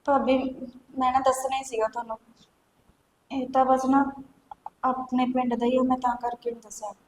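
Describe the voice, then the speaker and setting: A woman's voice: high voice, little pitch movement, moderate pace, close to an everyday voice. A young woman with a Punjabi accent playing a scared college girl pleading with her sister-in-law in a Punjabi web drama. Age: young adult. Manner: pleading, anxious. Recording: echoey hall, faint noise.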